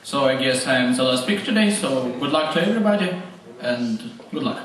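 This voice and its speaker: A student calmly introduces himself. His voice sounds far off the mic in a big echoing hall. Some noise sits behind him. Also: mid-range voice, fairly quick. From Russia. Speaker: student contestant.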